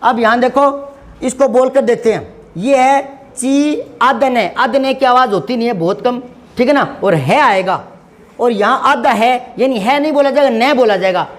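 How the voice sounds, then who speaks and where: Very high-pitched man teaching Hindi. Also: normal speed. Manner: patient, repeats and drags out sounds to demonstrate pronunciation; asks rhetorical check-in questions. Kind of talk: classroom-style grammar lesson.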